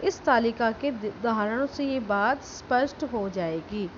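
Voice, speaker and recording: Slow, higher-voiced woman teaching grammar. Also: highs cut off, slight background noise. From India. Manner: explains step by step, checks with "ठीक है?"; says example words slowly and stressed. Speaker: school teacher. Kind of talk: grammar lesson.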